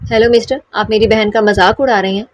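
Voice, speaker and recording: A woman's voice: medium pitch, steady tone, close to an everyday voice. A woman voicing a feisty, protective young woman in an audiobook. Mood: angry.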